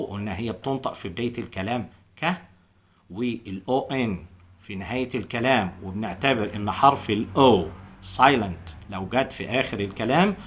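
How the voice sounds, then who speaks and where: A man with an Egyptian Arabic accent giving a beginners' English phonics lesson, repeating each English word slowly several times. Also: on the low side. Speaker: English teacher.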